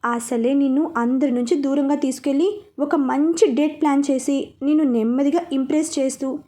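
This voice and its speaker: A woman's voice: high voice, steady tone, normal speed, mellow, close to an everyday voice. A woman voicing a young man who is a playful, bossy husband. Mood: teasing.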